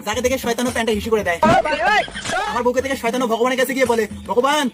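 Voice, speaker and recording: A man's voice: very high voice, steady tone, very fast, heavy background noise. A man in a comic phone skit, cheeky, flirty and mocking as a loan defaulter.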